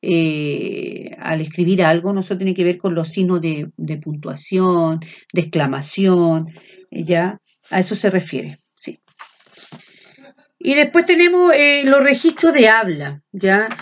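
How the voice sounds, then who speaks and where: Chilean woman teacher lecturing loudly without shouting, full of filler sounds and quick checks, on a dull lo-fi recording. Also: on the low side. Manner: speaks loud without shouting. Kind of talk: classroom lecture.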